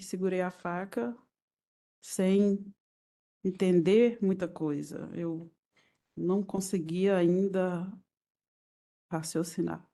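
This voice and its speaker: A woman with a Brazilian Portuguese accent testifying as a victim in court, retelling events in halting, fragmented phrases. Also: lowish voice, dark tone.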